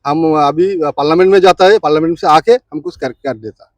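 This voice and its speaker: A man's voice: on the high side, brisk, dry recording. A man who runs a small food stall, making earnest, pleading appeals for help in a street interview.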